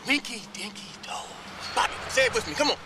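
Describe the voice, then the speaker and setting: An actor playing an exasperated, boastful fast-food boss in a comedy film, emphatic and cajoling. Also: male voice, very high-pitched. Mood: proud, cajoling. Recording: film clip with noisy backdrop.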